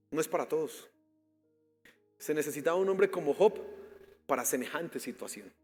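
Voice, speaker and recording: A man preaches with a high voice in a church sanctuary, his words trailing off into long reverberation. Soft music plays underneath as he moves from exhortation into passionate prayer. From Colombia. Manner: impassioned preaching with rising prayer. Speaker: pastor. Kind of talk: sermon.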